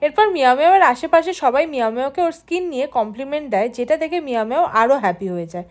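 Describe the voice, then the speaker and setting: A woman narrating a drama recap in a steady, scripted storytelling style, reading characters' lines without putting on voices, with a Bengali accent. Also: high voice, fast talker.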